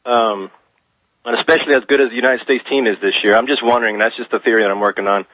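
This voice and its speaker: A male caller on talk radio, mid-pitched and casual. He floats his ideas tentatively over a dull, lo-fi line with a dry sound. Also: fairly even intonation, fast, fairly bright tone, dry recording.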